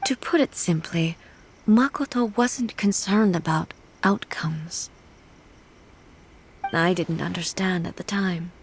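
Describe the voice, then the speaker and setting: A woman playing a dignified immortal female ruler in a video game, formal, measured and contemplative. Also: on the low side, husky, full character voice, low-quality recording. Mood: contemplative, solemn.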